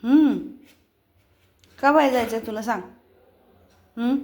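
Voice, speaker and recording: A woman talks to her dog the way you'd talk to a toddler, coaxing and bargaining with it. Her voice sits high and she takes her time over each short phrase. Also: slow pace, darkish tone, a little hiss or hum. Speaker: vlogger. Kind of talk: casual pet vlog, talking to her dog.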